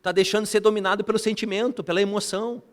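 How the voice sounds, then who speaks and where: A man preaches to his congregation with lively energy, his voice sitting on the higher side. He keeps calling out to the brothers and weaves in family stories. The sound rings with the long reverb of a church hall. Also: rapid-fire. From Brazil. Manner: animated, addresses congregation as brothers, tells family anecdotes. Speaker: bishop preaching. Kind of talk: sermon.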